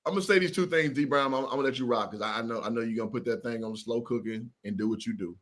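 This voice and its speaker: A man with a bright, forceful voice hosts a football talk show. He talks with hype and gives big, emphatic agreement. He reads out viewer shout-outs and keeps the energy up. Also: medium pitch, very fast. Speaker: sports show host. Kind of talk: hyped sports talk.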